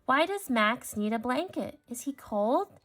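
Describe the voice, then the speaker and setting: A woman's voice: high voice, animated, a little slow, a bit bright, faint music behind, exaggerated voice. A woman voicing an eager, friendly little boy tiger in a storybook, curious and earnest. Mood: puzzled.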